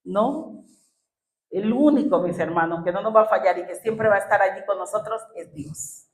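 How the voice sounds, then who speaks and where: A woman's voice: mid-range voice, moderate pace, a little hiss or hum. Woman preaching in a roomy church. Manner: emotional, re-enacts her own past words. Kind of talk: sermon. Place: church hall.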